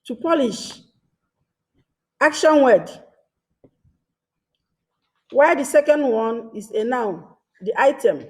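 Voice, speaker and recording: A woman gives a grammar lesson at an unhurried, measured pace. Her voice sits a little high, and she breaks her explanations into short, careful phrases, reading each example twice. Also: darkish tone. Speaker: teacher. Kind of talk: slow deliberate grammar lesson.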